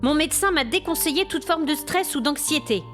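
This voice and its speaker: Over background music, a high-pitched, animated woman delivers a fairly quick audio fiction monologue as a haughty hotel guest fed up with ghosts. The character comes across as indignant and demanding. She sounds aggrieved and haughty throughout.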